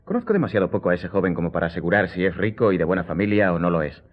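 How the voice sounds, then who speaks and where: Deep-voiced, ironic count, phone-like sound. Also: male voice, expressive, very fast. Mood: emphatic, ironic. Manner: courtly, theatrical, wryly ironic. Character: worldly, ironic, self-assured count, a seafaring gentleman. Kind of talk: Spanish radio drama acting. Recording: muffled, phone-like radio recording.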